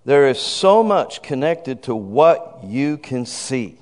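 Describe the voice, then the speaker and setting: Big pitch swings and a slow pace mark this mid-range voice of a man in his fifties giving a sermon with a congregant. He's exuberant, shouting "woo" and calling out praise, recorded in a reverberant hall.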